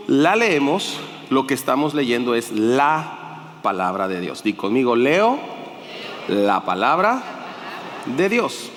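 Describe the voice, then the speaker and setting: A slightly hoarse man preaching a sermon, emphatic and calling on the congregation to answer back. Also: fairly high pitch. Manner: emphatic, calls for congregation responses. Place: church hall. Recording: long reverb of a church hall.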